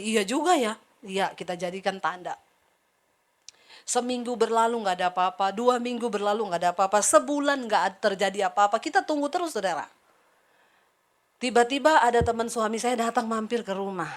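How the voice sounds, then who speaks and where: A middle-aged woman preaching a sermon, telling a personal story with lively acted-out dialogue and asides to the congregation. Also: on the high side.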